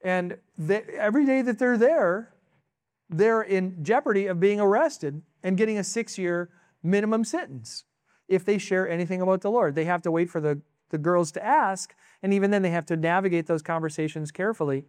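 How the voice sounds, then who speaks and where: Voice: medium pitch, moderate pace, a little mellow, clear, resonant tone, no room sound, studio quality. A pastor from the United States, preaching a sermon with emphatic, exclaiming asides.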